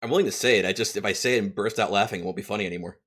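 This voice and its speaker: A man's voice: on the low side, very fast, fairly bright tone. A man co-hosting a watch-along, joking and teasing and trying to keep a straight face. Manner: joking, teasing, holds back laughter. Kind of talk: casual reaction chat.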